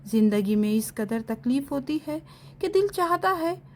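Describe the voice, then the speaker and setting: A woman reading the part of a heartbroken young female student, speaking softly and sorrowfully. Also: sits high, expressive, measured pace, a little hiss or hum. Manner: soft and sorrowful.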